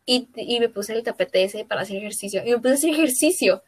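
A woman's voice: a little high, animated, fast talker, breathy edge, no room sound. A Mexican woman co-hosting a podcast, telling a personal story in a rambling, filler-heavy way. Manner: rambling, full of fillers and self-corrections. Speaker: podcast co-host. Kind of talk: casual podcast chat.

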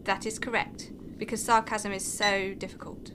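A woman voicing a deadpan spaceship computer. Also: mid-range voice, moderate pace, slight background noise, close to an everyday voice. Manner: flat, literal, quietly sarcastic. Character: deadpan female spaceship computer, literal-minded. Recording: music playing behind the voice.

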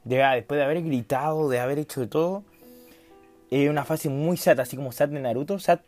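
With faint music behind him, a late-teen vlogger with a Chilean Spanish accent rambles through a self-deprecating, slang-filled story and performs the dialogue himself. His voice sits on the high side, darkish and a little fast.

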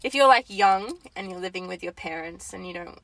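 A woman's voice: fairly low pitch, lively intonation, brisk, fairly bright tone, no room sound, poor audio. A woman co-hosting a casual advice chat, talking informally with slang and swearing. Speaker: podcast co-host.

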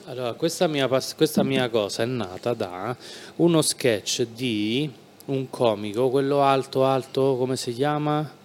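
A man co-hosting a podcast, telling stories and pitching ideas with enthusiasm in casual chat. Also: a little slow, few pauses, a little hiss or hum. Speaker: podcast co-host.

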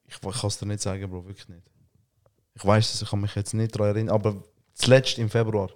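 A man's voice: on the low side, flat delivery, fast talker, a little mellow. A Swiss German man co-hosting a podcast, chatting casually and joking back defensively. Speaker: podcast co-host. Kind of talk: casual chat.

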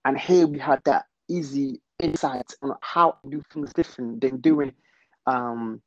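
A man's voice: medium pitch, fairly even intonation, measured pace, dry recording. Hesitant Congolese-born man, muffled call. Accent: Congolese-born Londoner. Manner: hesitant, many ums, laughs easily. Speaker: guest, fashion brand founder. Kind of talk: casual interview.

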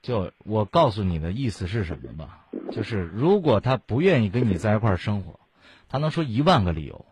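A man's voice: lowish voice, big pitch swings, a little fast, a little mellow, slightly rough, dry recording. A man hosting a call-in advice show, lecturing a caller bluntly with strings of rhetorical questions. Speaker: radio advice host.

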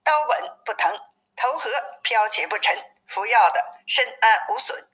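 A woman's voice: fairly high pitch, expressive, a little slow, fairly bright tone, pitched above the performer's own voice. Woman reading as weary, pleading suffering monks. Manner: pleading, lamenting. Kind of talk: storybook reading. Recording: narrow phone-like sound.

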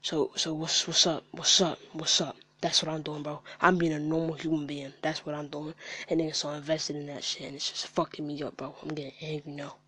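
A man's voice: a little high, level tone, brisk, a bit bright, husky, no echo. A man speaking in a candid casual chat as a guest, heated and profane and often repeating himself.

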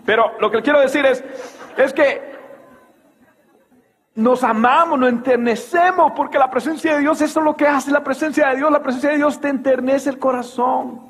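A man preaching a sermon as pastor, animated and full of rhetorical questions, in a church hall. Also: extremely high pitch, normal speed.

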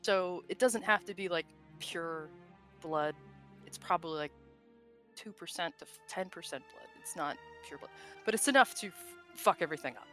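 A podcast co-host with a bright, forceful tone, chatting loosely about game lore. The delivery rambles, breaks into frequent laughter and drops the odd swear word, with faint music underneath. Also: mid-range voice, normal speed. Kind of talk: casual lore chat.

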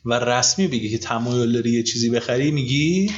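A man hosting an English lesson for Persian speakers, patiently repeating each word slowly so the learner can copy it. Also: mid-range voice, dull audio. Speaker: English teacher, podcast host. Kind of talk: scripted language lesson, drilling vocabulary.

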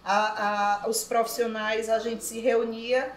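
A woman's voice: on the high side, flat delivery, slow. A woman, hosting and telling anecdotes in a chatty panel talk. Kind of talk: casual panel discussion. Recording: echoey room with faint noise.

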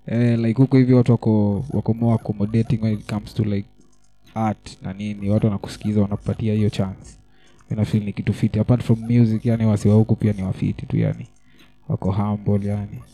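A man's voice: on the low side, level tone, fast, vocal fry, warm tone. A young man with a Kenyan accent, a rapper giving an interview in casual, heavily slangy talk. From Nairobi, Kenya. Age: young adult. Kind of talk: casual chat with heavy slang.

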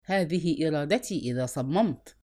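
A woman's voice: low-pitched, expressive, normal speed, voice pushed down. A woman voicing a proud, harsh wealthy lady who speaks sharply, in an audiobook reading. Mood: haughty. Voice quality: sharp, haughty.

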